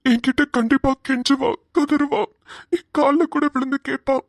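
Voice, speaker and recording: A woman's voice: high voice, fairly even intonation, moderate pace, gravelly, dry recording, clean studio sound. A woman voicing a hesitant, sorrowful young husband. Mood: worried. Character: troubled young husband about to go abroad.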